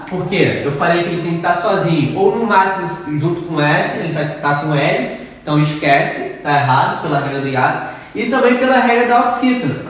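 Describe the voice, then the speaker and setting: Patiently going through grammar exercises, a male Portuguese teacher repeats the rules and frequently checks in with his students. His voice is high and fairly bright. The recording picks him up from a distance in an echoey room, with some faint noise.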